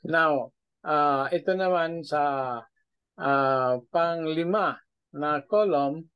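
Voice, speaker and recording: A man's voice: fairly high pitch, drawn-out words, clean tone, lo-fi sound. A middle-aged Filipino man, a pastor, teaching Biblical Greek in an online video-call class with a patient manner, checking in after each point.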